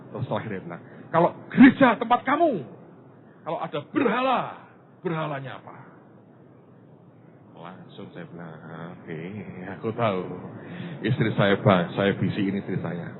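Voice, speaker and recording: A male pastor from Indonesia preaching a sermon, telling stories with loud bursts and hushed asides. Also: fairly high pitch. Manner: animated storytelling, swinging between loud bursts and hushed asides. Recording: lo-fi phone-like recording with faint hiss.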